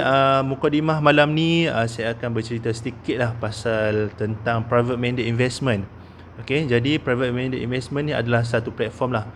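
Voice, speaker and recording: Malaysian guy in his 30s talking investing, lots of ah and okey, bit of noise behind. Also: mid-range voice. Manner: many "ah" fillers and "okey?" tags. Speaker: investment consultant. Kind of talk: casual investment talk.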